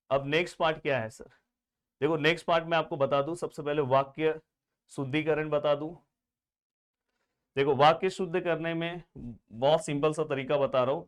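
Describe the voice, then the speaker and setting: A man's voice: on the high side, clean tone. Chatty male grammar tutor. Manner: chatty, repeatedly addressing students as friends; answers his own imagined student questions. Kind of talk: exam-prep lesson.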